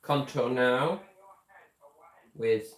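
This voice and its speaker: A man's voice: mid-range voice, drawn-out words. A British man chatting casually as a co-host, supportive, with short dry quips. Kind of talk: casual chat. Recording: echoey room.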